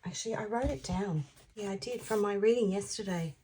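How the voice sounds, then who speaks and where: A woman in her fifties giving an intuitive tarot reading, musing aloud, repeating phrases and sometimes dropping into soft half-whispers. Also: medium pitch, a little fast, slight background noise. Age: 50s. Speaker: tarot reader.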